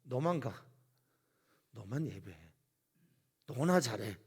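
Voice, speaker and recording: A man's voice: lowish voice, expressive, a little slow, mellow, slightly rough. A man preaching who voices a scornful, stubborn king in a taunting, dismissive way. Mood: mocking.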